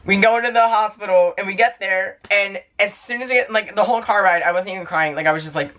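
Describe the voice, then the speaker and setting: A man's voice: sits high, fast, pushed and bright, lo-fi sound. Rambling young New guy telling a story. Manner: rambling, heavy use of "like" fillers. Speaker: vlogger. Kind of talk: casual storytime vlog.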